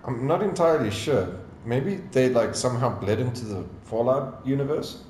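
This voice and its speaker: A man's voice: mid-range voice, expressive, moderate pace, a little mellow, slight background noise. A man making dry wisecracks while commenting on a game with a friend. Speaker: let's play commentator. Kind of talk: joking gameplay commentary. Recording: echoey room with faint music.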